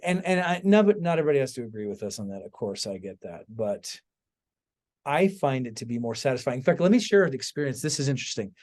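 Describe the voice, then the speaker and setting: A fast-talking podcast host and author, his medium-pitched voice is slightly mellow and swings widely in pitch. He chats casually, telling stories with emphatic asides and frequent check-ins with his listener.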